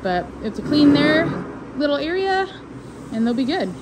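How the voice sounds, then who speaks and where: A woman's voice: high voice, very animated, normal speed, very noisy. A young woman, heavily pregnant, chatting casually to her viewers while filming herself with a phone in a farm barn. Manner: chatty, talks to viewers and animals. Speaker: vlogger. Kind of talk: casual vlog narration. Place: farm barn and pasture, outdoors and in open barn. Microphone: phone held at arm's length.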